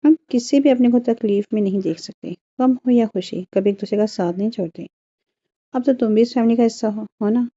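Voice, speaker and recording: A woman's voice: a little high, a little fast, mellow, slightly rough, highs cut off. A woman voicing a good-humoured young husband who teases his wife with dry humour. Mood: affectionate.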